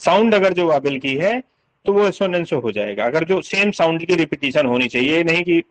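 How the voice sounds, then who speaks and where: A man's voice: a little high, animated, brisk, rough recording. Hindi-speaking man teaching English literature. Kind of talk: exam-prep lecture.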